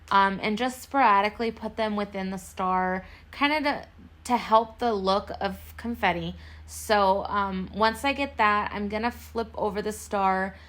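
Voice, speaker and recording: A woman's voice: mid-range voice, fairly bright tone. A woman giving a casual, chatty voice-over walkthrough as a craft tutorial host, explaining each step in a self-deprecating way.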